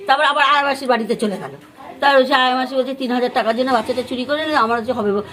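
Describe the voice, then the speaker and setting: A woman's voice: sits high, very fast, sharp tone. A woman from West Bengal with a West Bengali accent, a neighbour giving a rambling eyewitness account to a news crew, full of fillers and acted-out quotes. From West Bengal, India. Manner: rambling retelling with many fillers and restarts; acts out others' words in quoted speech. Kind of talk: on-the-spot news interview.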